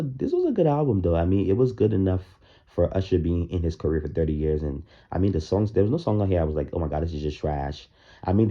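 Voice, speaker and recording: In his morning voice, a man with a mellow, rumbling low voice reacts to music for his vlog, sharing loose, opinionated thoughts packed with fillers. It's captured in a dull lo-fi recording.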